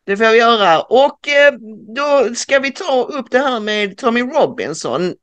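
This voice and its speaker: A woman's voice: on the high side, expressive, smooth. A woman co-hosting a casual news commentary podcast, recounting events with frequent hesitations and fillers. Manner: hesitant, many filler sounds. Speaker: podcast co-host.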